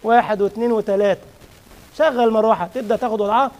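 A man with an Egyptian Arabic accent giving a mosque lesson, explaining a religious text and quizzing listeners with lively rhetorical questions. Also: high-pitched, rapid-fire, low-quality recording. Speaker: religious teacher.

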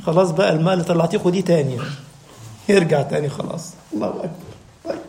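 Egyptian male preacher, high voice, fervent delivery swinging hushed to emphatic; echoey room. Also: rapid-fire, slight background noise. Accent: Egyptian Arabic. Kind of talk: sermon.

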